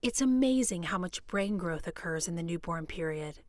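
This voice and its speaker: A woman presenting an educational video, explaining in a calm, clear way. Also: lowish voice, normal speed, no room sound, clean studio sound. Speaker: hospital staff presenter. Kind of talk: scripted educational narration.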